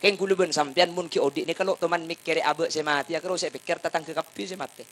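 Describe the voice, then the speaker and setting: Male preacher, fairly high voice, jokey sermon with loud fiery peaks. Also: fairly even intonation, fast, slight background noise. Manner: swings from soft asides to loud impassioned bursts; chants salawat and sings lines. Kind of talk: humorous sermon.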